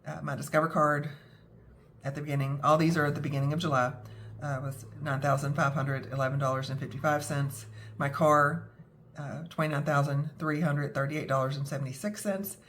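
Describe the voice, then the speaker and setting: A woman's voice: sits low, steady tone, brisk, a bit bright. A young adult woman with a scratchy throat from a cold, talking casually and self-deprecatingly, with many fillers. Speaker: budgeting vlogger. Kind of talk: casual talk to camera.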